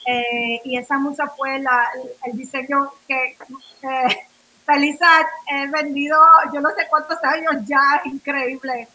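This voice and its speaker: Speaking at a measured pace with a flat delivery, this woman's high voice sounds pushed and bright on a low-quality recording. A Nuyorican radio interview guest from New York, of Puerto Rican heritage, she casually rambles through her story in Spanish, restarting often and slipping in fillers and English words.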